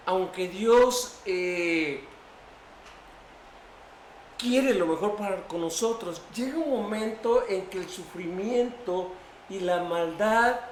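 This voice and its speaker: A man's voice: sits high, slight background noise. A man preaching a sermon as pastor, retelling a story dramatically and acting out its voices. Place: church sanctuary. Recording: echoey church room, faint ambience.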